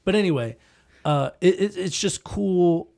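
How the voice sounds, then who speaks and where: A man with a slightly high voice talks as a podcast co-host. His delivery is conversational, rambling and profane, in loose comedic chat. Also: a little slow, gravelly, a little mellow.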